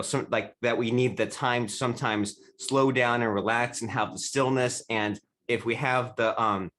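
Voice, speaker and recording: A man's voice: medium pitch, fairly bright tone. Rambling man hosting a podcast. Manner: loose phrasing full of fillers and restarts. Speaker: podcast host. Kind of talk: podcast interview questions.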